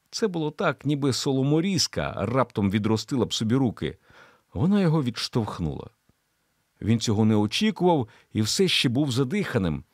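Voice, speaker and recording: A man narrating a thriller audiobook in an expressive storytelling delivery. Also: medium pitch, dry recording, clean studio sound.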